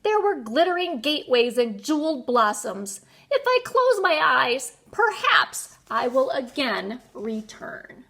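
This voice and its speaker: Woman acting a slow, dreamy old man. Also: high voice, sing-song, fairly bright tone, full character voice. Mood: grumpy, wistful. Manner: grandiose, wistful. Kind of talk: children's storybook read-aloud.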